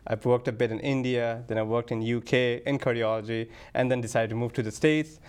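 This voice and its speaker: A man's voice: mid-range voice, steady tone, brisk, darkish tone, clean tone. Man, from Bangladesh, cardiologist, call-in medical show guest, matter-of-fact, casual.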